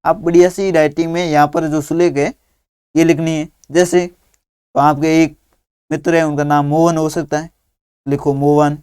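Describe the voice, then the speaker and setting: A man teaching young children through a workbook, dictating words slowly and patiently one at a time. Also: on the high side, a little mellow, smooth, no room sound, clean studio sound.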